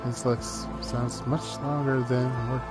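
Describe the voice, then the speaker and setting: A man's voice: mid-range voice, flat delivery, takes it slowly. A man playing a video game, reading its dialogue aloud and often stumbling over the words between casual comments. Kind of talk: let's play commentary. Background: game music.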